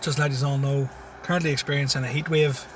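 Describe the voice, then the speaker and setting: This Syrian-born man in his thirties, raised in Tyrone and carrying its accent, is a comedian guest in a casual interview chat in a parked car. His mid-range voice is flat and fast, yet he's laid-back and chuckles often. The phone recording is distant, with a noisy background.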